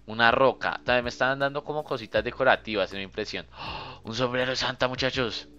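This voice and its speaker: A young man, giving casual, chatty commentary while playing a game and thinking out loud to his viewers. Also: medium pitch, fast talker, muffled recording. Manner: chatty, thinks aloud, often addresses viewers as "muchachos". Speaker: gaming youtuber.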